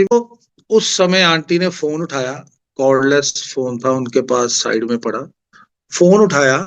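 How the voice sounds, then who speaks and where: At a satsang, a middle-aged man from Punjab, India, shares a devotional experience in a Punjabi accent. He tells it conversationally and acts out the quoted dialogue. His voice is clean and on the high side, though the audio is dull.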